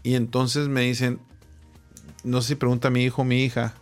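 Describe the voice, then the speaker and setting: A man's voice: medium pitch, moderate pace, soft background music. A middle-aged man, a guest speaking on personal growth, who tells anecdotes and acts out the people in them. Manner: animated storyteller, acting out the people in his anecdotes. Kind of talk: conversational storytelling.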